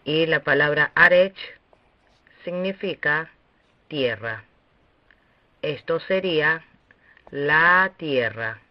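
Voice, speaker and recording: A man teaching a recorded lesson on Hebrew pronunciation, speaking slowly and deliberately with long pauses. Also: a little high, animated, no room sound. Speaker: Bible language teacher. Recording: dull, dry lo-fi recording.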